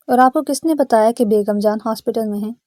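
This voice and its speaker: Stern hot-tempered young guy, read by a woman, firm and threatening, mellow tone. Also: fairly high pitch, dry recording, clean studio sound, close to an everyday voice. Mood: stern, angry. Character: stern protective young man, quick to anger.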